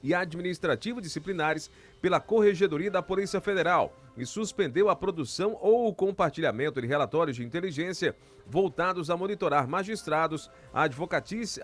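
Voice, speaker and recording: Casting: male radio news anchor, slightly high register, formal and measured. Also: expressive, soft background music. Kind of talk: scripted news reading.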